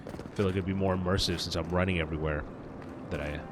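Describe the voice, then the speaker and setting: A man's voice: low voice, steady tone, fast talker, over music. A man doing casual live commentary on a video game as a streamer, slangy and rambling.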